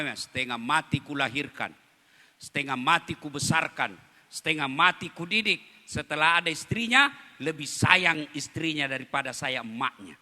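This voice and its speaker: A wounded, stubborn old mother, put on by a male preacher, airing grievances in a high, bright, piercing voice. She complains bitterly and holds her ground. The voice rings out in a reverberant hall. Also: full character voice. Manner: aggrieved complaining, then shrill desperate pleading.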